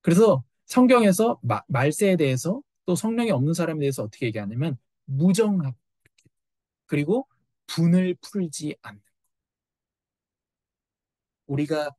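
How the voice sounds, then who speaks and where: A middle-aged male pastor preaching a sermon, animated and full of rhetorical questions. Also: a little high, moderate pace, long pauses, dry recording.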